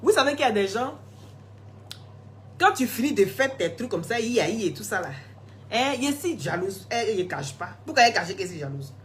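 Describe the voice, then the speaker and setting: A hoarse woman, scolding and gossiping in a casual live stream, laughing often. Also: medium pitch, a little fast, a little hiss or hum. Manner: animated, scolding, laughs a lot. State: hoarse, sore throat.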